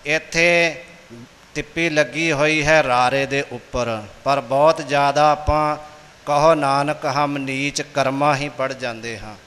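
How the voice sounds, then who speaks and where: A man's voice: a little high, fairly even intonation, slow pace, fairly bright tone, long reverb tail. A man giving pronunciation guidance for scripture recitation and demonstrating the right and wrong forms. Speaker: recitation instructor. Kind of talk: pronunciation instruction.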